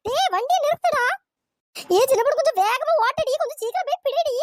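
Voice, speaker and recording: A performer voicing a furious jealous wife in a cartoon, scolding and name-calling, with a pitch-shifted voice. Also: very fast, fairly bright tone, dry recording, studio quality. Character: furious jealous wife chasing her cheating husband. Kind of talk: cartoon comedy voice acting.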